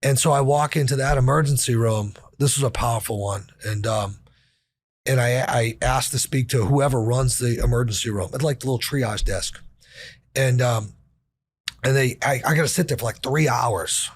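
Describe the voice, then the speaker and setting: A man's voice: medium pitch, normal speed, no room sound. A man talking as a podcast guest, telling a personal story in a blunt, profane, casual way with lots of fillers.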